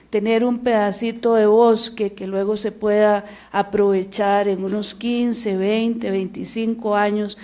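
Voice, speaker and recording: A Costa Rican woman speaks as a panelist in a warm, mellow tone at an ordinary pitch. She is measured and unhurried, and she pauses often on small filler sounds as she builds each point. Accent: Costa Rican Spanish. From Costa Rica. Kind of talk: panel discussion remarks.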